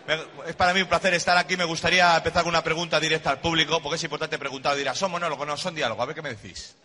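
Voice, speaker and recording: A man's voice: a little high, fairly even intonation, racing, husky. A middle-aged man doing a stand-up comedy monologue on a live stage, talking in slang and bantering with the audience. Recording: live show with loud crowd laughter.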